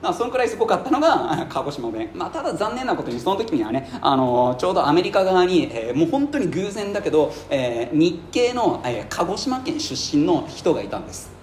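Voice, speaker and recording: A man's voice: fairly high pitch, sing-song, a little mellow, reverberant, a little hiss or hum. A man teaching history in a casual, joking lecture style, chatty with many fillers. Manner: rapid, jokey, chatty, with frequent fillers and laughs. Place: classroom.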